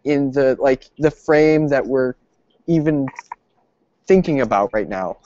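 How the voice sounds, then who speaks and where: A man weighs in during an online team meeting, hedging and correcting himself as he talks. His voice sits at a middle pitch. The call audio sounds dull and muffled. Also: lively intonation, slow pace, dark tone. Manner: hedging, casual, self-correcting. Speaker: team member.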